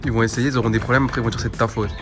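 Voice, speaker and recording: A man's voice: medium pitch, steady tone, very fast, roomy sound, over music. A man hosting a casual vlog, speaking informally. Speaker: channel host.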